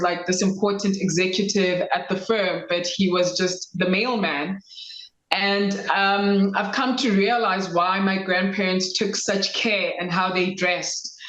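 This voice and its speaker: A South African woman in her thirties, a lawyer telling her life story in a measured, reflective way. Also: mid-range voice, roomy sound, lo-fi sound. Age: 30s. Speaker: guest lawyer. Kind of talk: interview conversation.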